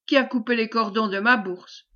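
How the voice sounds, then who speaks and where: A woman's voice: on the high side, normal speed, fairly bright tone, lo-fi sound, close to an everyday voice. A woman reading the part of a stubborn, greedy male knight in a brusque, ordering manner. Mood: angry.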